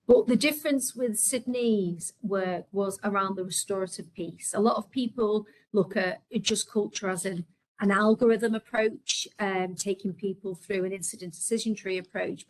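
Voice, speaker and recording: This woman speaks with a Scouse accent and presents at a quick clip. She is earnest and practical, with frequent ums and small restarts as she works through her slides. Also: mid-range voice, poor audio. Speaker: healthcare leader presenting. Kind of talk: webinar presentation.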